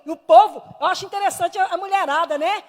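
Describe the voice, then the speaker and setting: A Brazilian woman preaches in a high voice, her fervent testimony ringing through a church hall with a long reverb. She tells it with strong emphasis, dropping to a hush and then rising loud. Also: fast. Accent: Brazilian Portuguese. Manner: fervent, emphatic storytelling that swings between hushed and loud. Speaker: missionary preacher. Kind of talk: Sunday school sermon with personal testimony.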